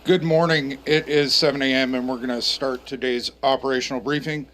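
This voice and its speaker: An American man leading a formal operational briefing as section chief, reading procedures and lists in measured phrases. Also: mid-range voice, fairly even intonation, a bit bright.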